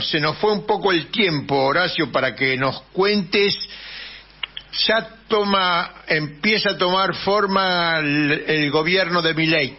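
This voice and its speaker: A man with a Rioplatense Spanish accent hosting a radio interview, talking casually and a little haltingly. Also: fairly high pitch, a little hiss or hum. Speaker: radio host. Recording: dull lo-fi radio sound.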